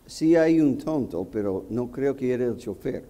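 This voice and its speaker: A man voicing the Holy Spirit as a calm, patient presence that quietly corrects him. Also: medium pitch, moderate pace, lightly acted. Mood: gently correcting.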